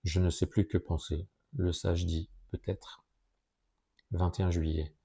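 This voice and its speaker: A male audiobook narrator who reads a classic tale in a measured, even way. His voice is low and deeply dark. A husky grain runs through it. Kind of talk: scripted narration of a classic story.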